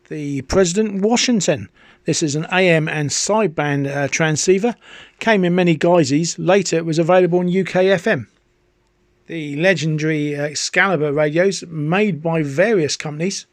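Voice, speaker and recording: A middle-aged British man, a chatty hobbyist video host, narrates an informal history of a product with hesitant phrasing. His voice is fairly high-pitched and the sound has no echo.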